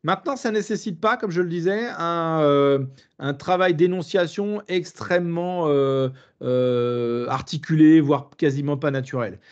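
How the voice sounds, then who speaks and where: A man with a southern French accent runs a live webinar demonstration, slightly high-voiced. He talks hesitantly, with many fillers and restarts. The audio sounds a little muffled. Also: a little slow. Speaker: webinar trainer.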